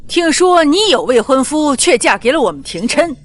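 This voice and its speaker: A woman's voice: high voice, very animated, moderate pace. An actress playing a domineering old grandmother who scolds in a commanding way. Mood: scolding. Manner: scolding and imperious.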